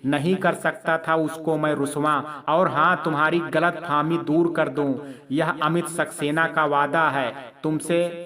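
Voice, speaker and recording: A man's voice: a little high, natural voice. A man voicing a proud, hot-tempered young husband and uncle in a spoken story, making firm, clipped declarations.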